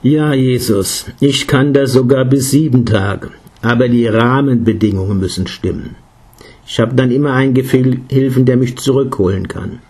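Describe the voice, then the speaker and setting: A man voicing an older Indian meditation master who patiently and fatherly explains, in a slightly husky voice. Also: mid-range voice, normal speed, a little mellow, natural voice. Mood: admonishing. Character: elderly Indian meditation guru, calm, caring.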